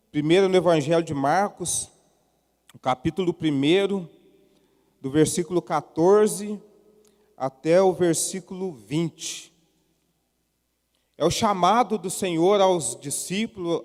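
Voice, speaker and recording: A male pastor with a Brazilian Portuguese accent preaching a sermon in church, earnest and halting, calling on members of the congregation by name. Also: a little high, darkish tone. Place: church sanctuary. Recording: long church hall reverb.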